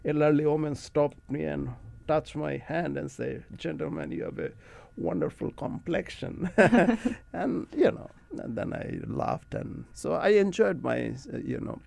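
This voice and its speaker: Gravelly middle-aged Bangladeshi man. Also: fairly high pitch, unhurried, dry recording. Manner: relaxed, rambling storyteller who laughs often. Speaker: guest academic. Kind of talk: casual interview talk. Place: radio studio.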